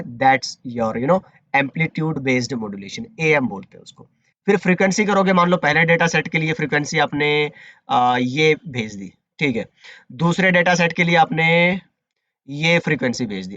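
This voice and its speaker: A man's voice: mid-range voice, fairly bright tone, dry recording, muffled recording. Chatty man teaching a networking course. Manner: conversational teaching, mixing English terms into Hindi, many fillers. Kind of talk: online lecture.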